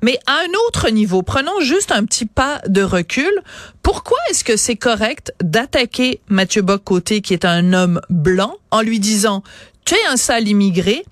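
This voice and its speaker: A woman's voice: medium pitch, lively intonation, measured pace, dry recording, studio quality. A woman with a Quebec French accent hosting a commentary show, explaining her points assertively. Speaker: show host.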